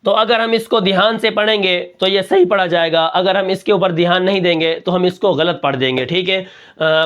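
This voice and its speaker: High smooth-voiced guy with teaching quran reading, kinda dull lo-fi audio. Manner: explains step by step, spells syllables slowly and loudly, asks rhetorical questions. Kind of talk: spoken lesson on Quran spelling.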